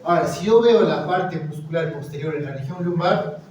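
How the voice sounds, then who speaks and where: Male lecturer, fairly high voice, questions the class constantly; recorded far off in a reverberant room. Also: moderate pace, a little mellow, slight background noise. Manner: quizzing, encouraging, frequent "muy bien" and "¿ya?". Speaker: anatomy lecturer. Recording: echoey lecture hall, mic far off, students audible. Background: students murmuring and answering.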